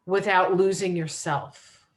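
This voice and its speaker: A woman co-hosting a casual chat, chatty and teasing and quick to laugh. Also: lowish voice, fairly even intonation. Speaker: co-host.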